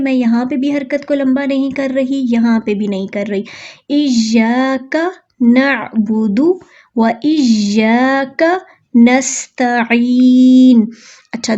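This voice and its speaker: A woman teaching Quran recitation, chanting verses slowly and drawn out, then explaining pronunciation patiently. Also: a little high, dark tone, dull audio.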